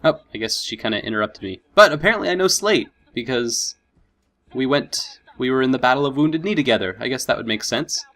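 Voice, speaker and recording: A man with a middle-pitched voice gives casual let's play commentary. He thinks aloud as he goes and sounds easily impressed by what he sees. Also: expressive, brisk, bright, forceful tone. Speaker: gaming video host.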